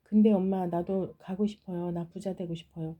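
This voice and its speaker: A woman's voice: on the low side, fairly even intonation, normal speed, narrow, tinny audio, lightly acted. A woman voicing a young man in a folktale, the poor son of a fisherwoman, who speaks in simple, earnest pleas. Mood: pleading.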